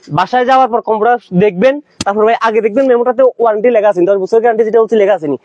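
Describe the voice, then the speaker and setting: A man pitching bedding on a live sales stream, pushy and repetitive, calling viewers brother. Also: very fast, a little mellow, no echo, muffled recording. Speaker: shop seller.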